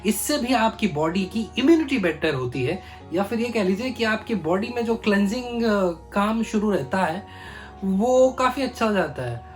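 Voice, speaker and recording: A man's voice: high-pitched, animated, normal speed, soft background music. A man chatting casually to his phone camera at home, mixing English phrases into his talk. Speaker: vlogger. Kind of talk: casual vlog chat to camera. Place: home room, indoors.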